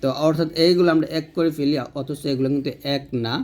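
A man teaching Quran reading in a recorded tutorial, stretching out letter drills slowly between brisker explanations. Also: fairly high pitch, fairly even intonation, a little mellow. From Bangladesh.

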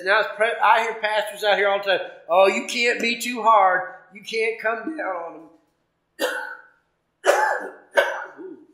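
A man's voice: sits high, pushed and bright, reverberant, low-quality recording. A man preaching a fervent, emphatic sermon, punctuating points with "amen" and reading scripture aloud.

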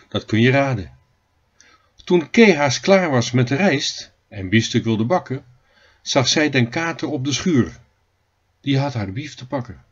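Husky man reading a rhyming children's story. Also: mid-range voice, dull audio. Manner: lively sing-song rhyme delivery. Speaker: audiobook reader.

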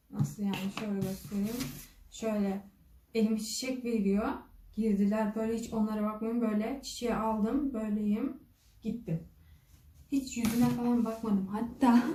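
A woman's voice: mid-range voice, dark tone. A woman vlogger telling a personal story casually, acting out the dialogue with a constant "she said" and "I said". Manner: retells dialogue with frequent "dedi" and "dedim". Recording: echoey room, voice from a distance.

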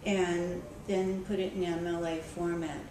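A little slow and dark in tone, the librarian's lowish voice shows little pitch movement. She's telling a story in a conversational conference talk, with plenty of ums and restarts. The echoey conference room recording was made from far away and includes background noise.

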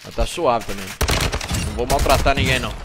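A man's voice: medium pitch, a little fast, background noise. A man with a Brazilian Portuguese accent streaming a game live, trash-talking and greeting chat viewers.

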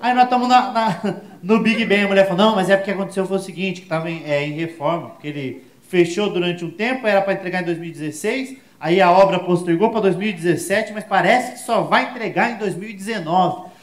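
A Brazilian man with a Brazilian accent doing a stand-up comedy set, animated and full of crude slang, shouting his punchlines. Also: sits high, fast, roomy sound. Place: comedy show stage before an audience.

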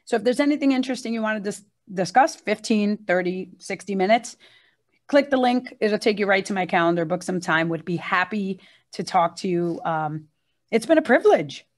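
A woman's voice: mid-range voice, expressive, moderate pace. A woman agency executive wrapping up a webinar Q&A in a friendly, businesslike way, with frequent filler words, speaking from a room with a production crew. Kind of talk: casual presentation Q&A.

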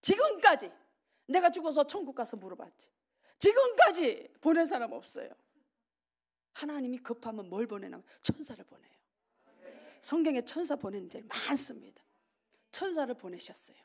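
Animated woman preaching a testimony. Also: high voice, moderate pace, long pauses. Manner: animated storytelling, acts out dialogue, laughs often. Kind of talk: testimony sermon. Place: church sanctuary.

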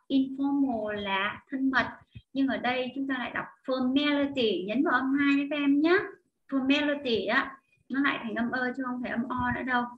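A woman English teacher with a Vietnamese accent, explaining vocabulary and modelling pronunciation, repeating each word slowly for her students. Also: high-pitched. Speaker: high school English teacher. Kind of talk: vocabulary lesson and reading aloud. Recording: echoey room, dull lo-fi audio with faint noise.

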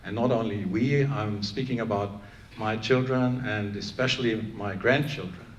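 Middle-aged plant scientist guy on a panel, low-ish voice, lots of restarts, echoey room. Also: fairly even intonation, moderate pace. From Iran, raised in Germany. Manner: earnest, many restarts and fillers. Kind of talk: panel discussion answer. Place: conference room with audience. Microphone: handheld microphone. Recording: echoey room, faint room noise.

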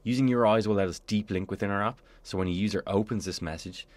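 This screencast voice-over comes from a man with a low voice who talks at a quick pace. His scripted tutorial lays out every software step in a clear, orderly sequence, and the recording has no echo.

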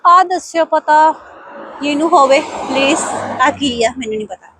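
A woman's voice: high voice, animated, measured pace. A woman chatting casually to viewers in an exclamatory running commentary as she walks outside. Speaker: vlogger. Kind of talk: casual walking vlog chat to viewers. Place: outdoors, walking along streets. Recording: outdoor ambient noise.

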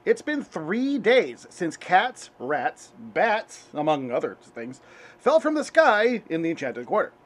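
A dry, matter-of-fact puppet news anchor, voiced by a man. His voice is high and animated, rising and falling through deadpan lines. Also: takes it slowly, full character voice. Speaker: host. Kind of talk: comedic spoof news.

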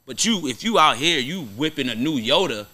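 A young adult American man hosts a podcast from a small indoor studio, bantering in a casual, slangy, profane way and arguing his points. His fairly high voice is animated, pushed, and bright at a normal speed, picked up by a close boom-arm mic.

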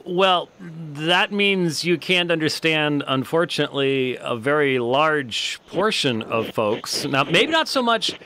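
A little high and animated, the host takes his time yet hardly pauses, his voice pushed and bright over slight background noise. He is an American man in his fifties running a casual conversational interview on a close studio mic in a small book-lined studio.

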